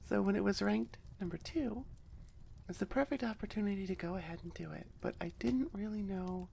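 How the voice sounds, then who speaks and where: Close to the microphone, a female audio roleplay creator wraps up with a loose, rambling outro chat, wry and self-deprecating toward her listeners. She talks briskly in a mellow, mid-range voice with vocal fry, over a little hiss or hum.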